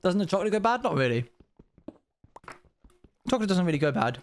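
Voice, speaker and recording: A man's voice: high voice, sing-song, fairly quick. A young man streaming live, telling rambling stories to his viewers with self-aware asides. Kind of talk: casual chat with viewers.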